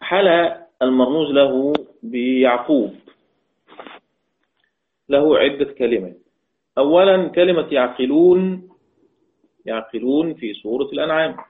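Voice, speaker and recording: Male Quran teacher, repeats and quizzes, chanted verse quotes, phone-like sound. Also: medium pitch. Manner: slow, repeats verse lines and quiz questions to students. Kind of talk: recorded online lesson. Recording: tinny phone-like audio.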